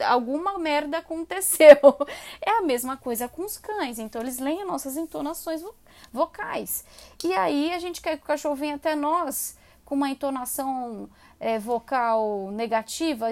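A woman, a dog trainer explaining commands in a chatty, animated way. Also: sits high. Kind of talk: casual explanatory talk.

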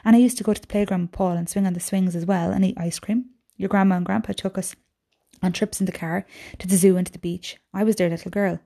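A woman's voice: mid-range voice, fairly even intonation, fast, creaky, dark tone. A woman reading the part of a weary, tender young mother, speaking in an earnest, patient way.

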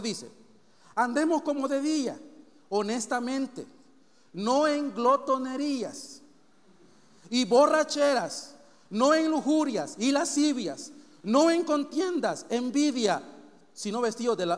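Brief: a pastor with a high voice, preaching from the pulpit and pressing the congregation with questions. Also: male voice, lively intonation, slow pace. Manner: reads long scripture lists, questions the congregation directly. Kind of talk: sermon. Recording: long hall reverb.

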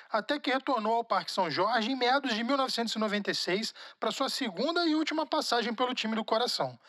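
A man reading scripted sports documentary narration in an animated presenter's delivery. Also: extremely high pitch, dry recording, studio quality.

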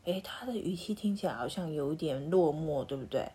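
A woman with a Taiwanese Mandarin accent reading a picture book aloud as a parent, in a lively way, asking the listener questions. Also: deep voice, brisk, husky.

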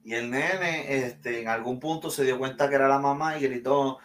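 A man's voice: mid-range voice, steady tone, moderate pace, soft background music. A man hosting a casual anime discussion, steering the talk with questions in a conversational way. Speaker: host.

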